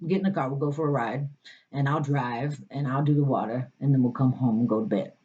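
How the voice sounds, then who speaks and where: A woman's voice: rumbling low, fairly even intonation, a little fast, mellow, muffled recording. A woman voicing an imagined protective father figure who coaxes her kindly. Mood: coaxing. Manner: soothing, coaxing. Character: gentle protective father figure, adult man.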